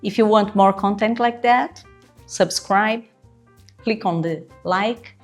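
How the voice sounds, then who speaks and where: In an instructional video with faint music behind her, a Brazilian-accented interview coach, a native Portuguese speaker, talks slowly at a medium pitch. She guides job-seekers earnestly and emphatically, frequently asking "right?".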